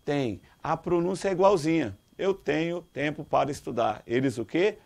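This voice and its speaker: Brazilian male teacher with a gravelly, creaky voice, quizzing students as he explains. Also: a little high, moderate pace. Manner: lively, quizzes listeners with rhetorical questions; calls students "dear". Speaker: Portuguese teacher. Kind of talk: exam-prep grammar lesson.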